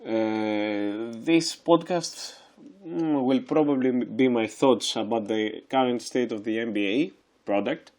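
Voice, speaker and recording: A young man from Greece in his twenties hosts a solo podcast in an unhurried, drawn-out way. He keeps stopping on fillers and starting his sentences over. His voice sits at an ordinary middle pitch. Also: darkish tone. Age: 20s. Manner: slow, hesitant, many fillers and restarts. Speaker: podcast host. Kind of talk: casual solo podcast monologue.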